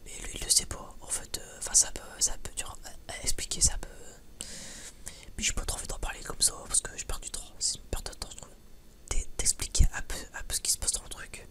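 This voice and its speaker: Fast and sharp in tone, a male ASMR creator whispers a rambling, casual chat. It's informal and sweary, with frequent hesitant stammering over repeated words.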